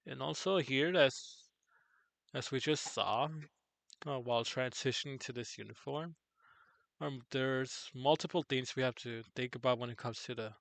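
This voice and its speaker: Male streamer-teacher, worn out, slow and halting, rough fry in the voice. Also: fairly bright tone, dry recording. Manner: halting, self-correcting, low-energy. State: tired. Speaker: streamer teaching 3D character software. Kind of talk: live tutorial stream.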